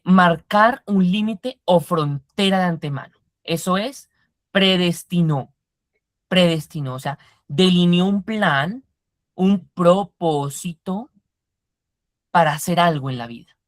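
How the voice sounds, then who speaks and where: A woman leads a Bible study class with a fairly low voice, recorded dry and close. She asks the group questions and explains key words one at a time. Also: no echo. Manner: quizzes the class and explains Greek words step by step.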